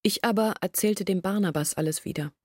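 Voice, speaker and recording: An actress plays an earnest woman confessing her family's failures in a reflective, measured monologue from a literary radio play. Her medium-pitched voice is natural and a little mellow, with slight background noise.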